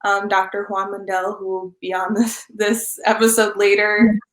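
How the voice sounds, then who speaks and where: A woman's voice: medium pitch, completely flat delivery, normal speed. A young woman in her twenties, a student guest giving earnest, reflective interview answers with frequent ums. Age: 20s. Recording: roomy echo.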